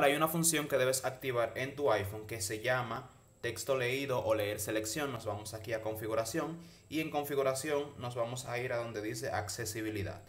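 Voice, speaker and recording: A man with a medium-pitched voice hosts a casual how-to tutorial. He speaks straight to the viewers and walks them through each step in an instructional way. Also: fairly bright tone. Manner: instructional, addresses viewers directly. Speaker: tutorial host.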